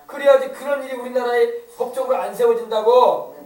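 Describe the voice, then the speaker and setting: A man's voice: very high-pitched, steady tone, a little fast, darkish tone, roomy sound, far from the mic, poor audio. A male pastor preaching an emphatic sermon, often asking the congregation to agree. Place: church sanctuary.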